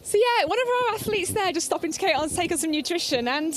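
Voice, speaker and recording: A woman's voice: very high voice, lively intonation, fast. A woman reporting live from an outdoor race aid station, chatty and upbeat, laughing often. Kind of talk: live trackside commentary.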